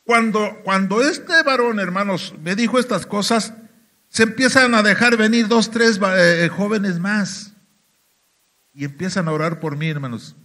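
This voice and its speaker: This man has a Mexican accent and a bright, forceful voice that sits high, delivered at a measured pace. He preaches a sermon testimony in church with emphasis, often turning to address the "hermanos."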